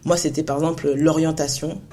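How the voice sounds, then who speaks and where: A woman's voice: deep voice, steady tone, fairly quick, dark tone, a little hiss or hum. A woman in her thirties, co-hosting a faith podcast in an earnest, encouraging, casual way, with frequent laughs and restarts. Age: 30s. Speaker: podcast co-host.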